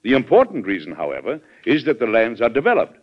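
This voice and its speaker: A man's voice: mid-range voice, huge pitch swings, quick pace. A man playing a hearty, authoritative American president in an old radio drama, jovial and commanding. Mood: firm, businesslike. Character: genial, hearty, authoritative male American president, fond of food. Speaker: actor. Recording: dull old radio recording.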